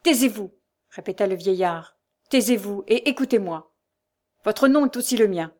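A woman's voice: mid-range voice, lively intonation, moderate pace, darkish tone, close to an everyday voice. A woman voicing a proud old baron in a storybook, raging at his son with vehement, commanding force. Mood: furious.

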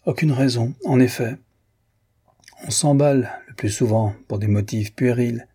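A man's voice: medium pitch, unhurried, dark tone, husky. A man voicing a jealous, bitter official husband in an audiobook reading, sneering and brooding. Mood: anxious. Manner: sneering, then nervous and brooding.

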